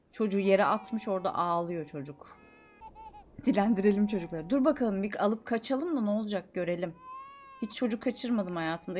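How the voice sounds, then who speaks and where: A young woman streaming a life-sim game, chattering excitedly, scolding the characters and swinging from mutters to shouts. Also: mid-range voice, slight background noise. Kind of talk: live gameplay commentary.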